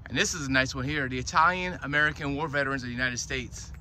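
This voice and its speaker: A man's voice: mid-range voice, fast talker, pushed and bright, low-quality recording. A man speaking as a tour guide, narrating an outdoor walking tour and explaining the sights as he goes. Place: outdoors in a public park. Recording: outdoor recording with urban ambient noise.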